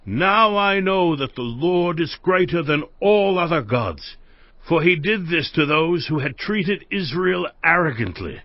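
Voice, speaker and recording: A man's voice: a little high, lively intonation, measured pace, dry recording, highs cut off. An actor playing a fatherly older priest and father-in-law in a dramatized Bible, declaiming his words. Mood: joyful praise.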